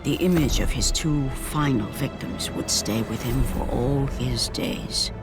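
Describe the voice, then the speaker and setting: A male actor delivering grave, dramatic narration of an ancient Greek war legend in a deliberate, solemn style. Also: medium pitch, gravelly. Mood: grave, ominous. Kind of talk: solemn epic scripted narration. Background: dramatic music.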